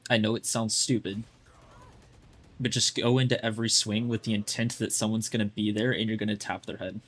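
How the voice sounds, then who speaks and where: A man's voice: fairly low pitch, flat delivery, a little fast, fairly bright tone. A man coaching a player through their gameplay in a casual, blunt way, full of "like" fillers. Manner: blunt, chatty, lots of fillers like "like". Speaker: game coach.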